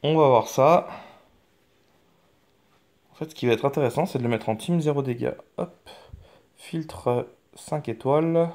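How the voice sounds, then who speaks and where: A man of middle pitch hosts a mobile game channel in casual gameplay commentary. He rambles and hesitates, often stopping on fillers and starting his sentences over. His tone stays frank and offhand, with some mild swearing. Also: measured pace, pauses often, darkish tone.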